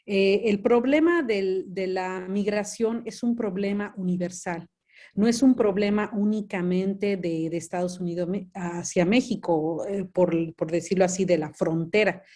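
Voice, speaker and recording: A woman's voice: medium pitch, unhurried, dark tone. A woman from Mexico City with a Mexican accent, an activist answering interview questions hesitantly, with many fillers and restarts. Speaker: activist guest.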